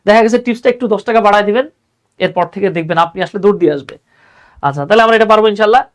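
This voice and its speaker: A man's voice: high-pitched, very fast. Chatty man teaching English. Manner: chatty, repeats "হ্যাঁ", mixes English terms into Bengali. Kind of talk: online class lecture.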